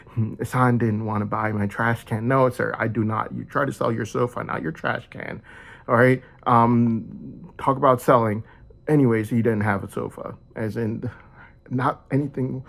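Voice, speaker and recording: A man's voice: mid-range voice, creaky. A man giving a rambling personal monologue in an aggrieved tone, mixing in jokes.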